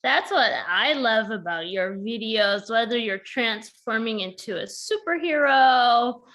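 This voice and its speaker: A woman with a fairly high voice who takes her time, co-hosting a podcast interview. She asks her questions with chatty enthusiasm. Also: lively intonation, a little slow, a bit bright. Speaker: podcast co-host.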